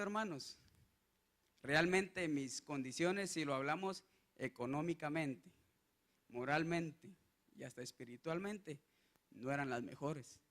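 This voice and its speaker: A young Guatemalan man giving an earnest testimony sermon, halting often with restarts and fillers. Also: a little high, fairly bright tone. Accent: Guatemalan Spanish. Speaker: lay preacher.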